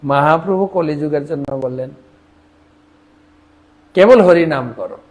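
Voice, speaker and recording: A man's voice: a little high, a little slow, a little mellow. A man delivering a devotional sermon, breaking into a singsong chant of the mantra and mimicking how other regions pronounce it. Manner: chants the mantra in a singsong rhythm between spoken teaching; imitates other regions' pronunciations. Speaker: preacher.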